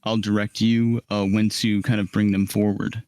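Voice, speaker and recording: A man acting as game master, calmly briefing players with many ums before a live tabletop role-play. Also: fairly low pitch, moderate pace, no room sound. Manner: calm, directive, frequent ums. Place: live stream.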